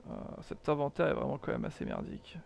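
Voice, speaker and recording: Gravelly-voiced man streaming a game. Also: medium pitch, quick pace, darkish tone. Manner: chatty, self-mocking, swears often, answers chat. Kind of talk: live gameplay commentary.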